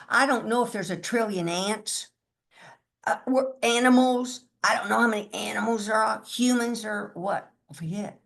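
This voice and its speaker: A woman's voice: mid-range voice, creaky. A woman, older, giving a spiritual talk in a musing way, chanting mantras now and then. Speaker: spiritual teacher.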